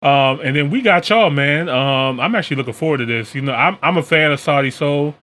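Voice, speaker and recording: A man's voice: on the high side, a little fast, a bit bright. An American man hosting a podcast, chatting casually in a colloquial, slangy way. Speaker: podcast and reaction video host. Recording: clear background noise.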